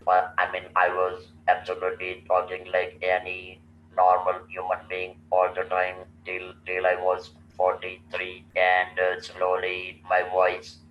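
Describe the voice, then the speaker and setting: This clip captures a low, monotone male voice, an Indian man in his sixties, slowly sharing his own story as a guest. His delivery is deliberate and halting, full of restarts. The sound is distant, roomy, and muffled, with faint noise underneath.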